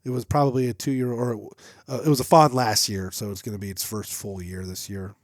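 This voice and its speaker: A man's voice: on the low side, a little fast, no room sound, clean studio sound. A young man co-hosting a hunting podcast, chatting casually in a rambling way full of asides. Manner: rambling and animated, trailing off into asides. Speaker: podcast co-host. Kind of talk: casual chat. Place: small hunting shop studio. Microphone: headset or boom mic.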